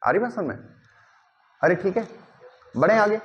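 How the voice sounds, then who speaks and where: The recording is muffled, but this chemistry teacher's high voice carries plenty of pitch movement. He slips English expressions into his lecture and repeatedly pauses for quick questions to confirm the class understands.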